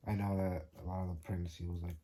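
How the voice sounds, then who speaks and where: A young man and father answering questions in a casual video, with quiet, brief, laid-back replies. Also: low-pitched, little pitch movement, quick pace. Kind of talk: casual Q&A chat.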